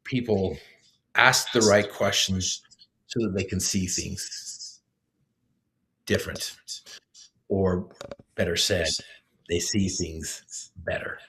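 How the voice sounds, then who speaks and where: Man, lowish voice, earnest motivational speaker, halting with fillers, interview chat. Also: fairly even intonation, pushed and bright, low-quality recording. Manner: earnest, many fillers and restarts. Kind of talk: casual interview talk.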